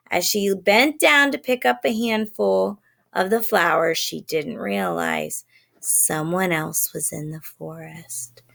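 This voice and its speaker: A woman reading a children's story aloud in a gentle way, pausing to explain words for young listeners. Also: fairly low pitch, creaky.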